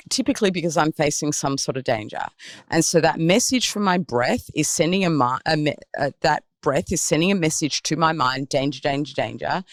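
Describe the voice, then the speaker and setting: A woman working as a performance mindset coach, explaining ideas in an animated way in a podcast interview. She asks guiding questions and acts out anxious inner voices. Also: low-pitched, dry recording, studio quality.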